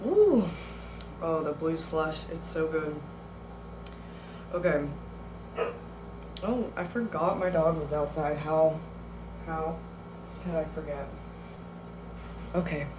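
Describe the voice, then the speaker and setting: A woman giving a casual tarot reading, chatty and relaxed, laughing often between fillers. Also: low voice, takes it slowly, long pauses, roomy sound, background noise. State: has the hiccups. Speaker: tarot reader.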